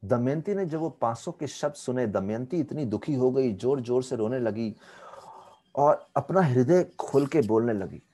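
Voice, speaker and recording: A spiritual teacher, a man with a medium-pitched voice, tells a devotional story a little slowly over an online video call. He is animated and mixes in English phrases.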